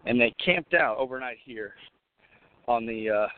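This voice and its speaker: A man hosting a casual live call-in show while roving outdoors at an event, talking with many fillers and restarts, coughing and clearing his throat now and then. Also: mid-range voice, expressive, unhurried, slight background noise. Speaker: host. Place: outdoors at a railway depot event. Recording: tinny phone line, dry.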